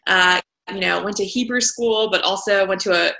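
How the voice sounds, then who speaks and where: A woman's voice: medium pitch, moderate pace, vocal fry, sharp tone, echoey room. A woman entrepreneur from the American South telling her story in a casual interview, with frequent fillers. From Southern United States. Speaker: entrepreneur guest.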